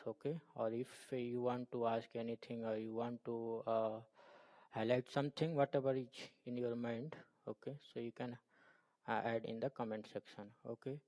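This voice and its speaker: Halting Indian-accented man, echoey tutorial. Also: warm tone. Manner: halting, repetitive, often checking with "okay?". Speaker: programming tutor. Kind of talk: informal tutorial explanation. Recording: boomy, long room reverb.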